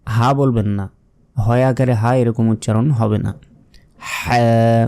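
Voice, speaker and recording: A man's voice: mid-range voice, fairly even intonation, moderate pace, gravelly, dark tone. A man teaching Quran reading step by step in Bengali-accented speech, patiently repeating each letter sound and explaining how to shape the tongue and throat. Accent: Bangladeshi Bengali. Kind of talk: step-by-step recitation lesson.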